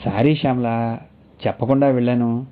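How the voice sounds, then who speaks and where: A man voicing a gentle young husband who speaks softly and consolingly in a storybook reading. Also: medium pitch, fairly even intonation, moderate pace, natural voice. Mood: apologetic. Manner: soft, consoling. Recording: tinny phone-like audio.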